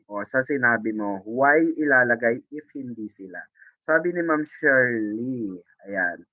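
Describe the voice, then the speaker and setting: A man's voice: mid-range voice, bright, forceful tone, no echo. A man hosting a teasing live gossip chat, reading viewer comments with frequent tag questions and playful sing-song remarks. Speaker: showbiz gossip vlogger. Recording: dull, muffled lo-fi sound.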